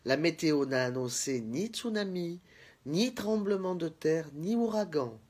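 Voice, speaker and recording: A man voicing a cheerful laughing little male crab in a storybook, talking in an earnest, puzzled, measured way with a husky voice. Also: fairly high pitch, lively intonation, a little mellow.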